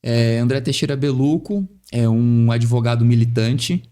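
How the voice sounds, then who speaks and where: A man's voice: mid-range voice, fairly even intonation, normal speed, dark tone, clear, resonant tone. A man with a São Paulo accent, a tax lawyer guest on a podcast, speaking articulately and wittily and often adding "né". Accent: São Paulo Portuguese. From São Paulo, Brazil. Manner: articulate, witty, rhetorical, frequent tag "né". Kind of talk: podcast interview.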